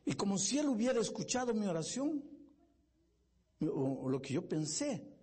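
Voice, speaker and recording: A man's voice: sing-song, normal speed, husky. A male pastor preaching a sermon, telling a story with impassioned, building emphasis in a church. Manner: impassioned, building to loud high-pitched emphasis.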